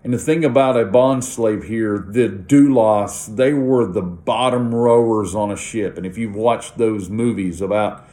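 A man's voice: on the low side, measured pace, hardly any pauses, dark tone. A man hosting a morning devotional podcast, talking through a Bible passage in an earnest, conversational way with light laughs.

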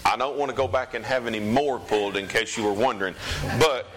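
A man's voice: medium pitch, a crowd in the background. A man with a Southern US accent preaching an informal sermon as a pastor, in a folksy, conversational manner. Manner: folksy, conversational, hesitant pauses. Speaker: pastor preaching to his congregation. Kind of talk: informal sermon with scripture reading.

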